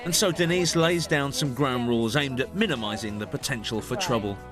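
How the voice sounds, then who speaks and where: A man with a British accent giving scripted documentary narration in a measured, storytelling way. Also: medium pitch. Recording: music under the voice.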